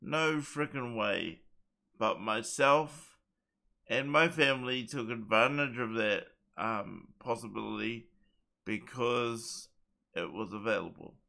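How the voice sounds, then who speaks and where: A man's voice: medium pitch, slow pace, creaky, pushed and bright. A man co-hosting a livestream, chatting casually in an earnest, emphatic way. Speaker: livestream co-host.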